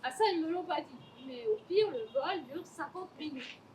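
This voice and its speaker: An actress playing a wry, teasing woman in a waiting room, with a dry, quick-witted delivery in an amateur stage play. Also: sits high, darkish tone, slight background noise, close to an everyday voice. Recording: stage voice from a distant mic.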